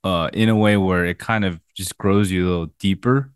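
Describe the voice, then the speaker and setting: A man in his early thirties speaks in a fairly low voice as a pastor co-hosting a podcast. He talks casually and curiously, asking follow-up questions. The sound is dry and close. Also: fairly even intonation, moderate pace, clear, resonant tone, dry recording. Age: 30s. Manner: inquisitive, asks guests follow-up questions. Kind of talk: casual faith podcast discussion.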